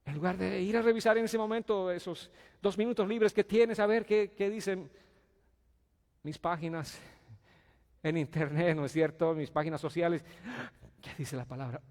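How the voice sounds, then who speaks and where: A male pastor delivers a sermon in a fairly high voice, firing questions at his congregation. He moves between soft, pleading passages and loud outbursts. The long reverb of a church sanctuary trails after every phrase. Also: normal speed.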